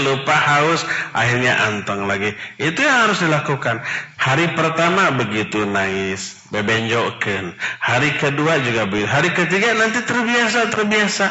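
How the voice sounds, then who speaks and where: A man teaching a Ramadan study lecture in Indonesian with a Sundanese accent, lively and expressive, sometimes mimicking children. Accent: Sundanese-tinged Indonesian. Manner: animated, acts out children's voices with high pitch jumps. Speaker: Islamic religious teacher. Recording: echoey hall, muffled audio.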